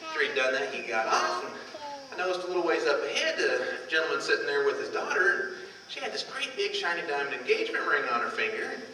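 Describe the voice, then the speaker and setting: A man with a high, sharp-toned voice and wildly swooping pitch does folksy old-time stand-up as an amateur comedian. Before a live audience in a large hall, he stretches out setups and tells countrified stories in character, captured far off in a noisy, echoey space.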